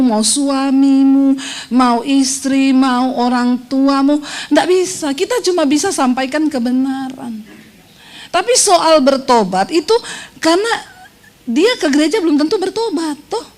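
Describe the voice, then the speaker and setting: A woman pastor delivers a sermon in a high voice. She jokes with the congregation and slips into other voices to act out conversations. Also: darkish tone. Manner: humorous, teasing the congregation with quick asides; acts out quoted voices in dialogue.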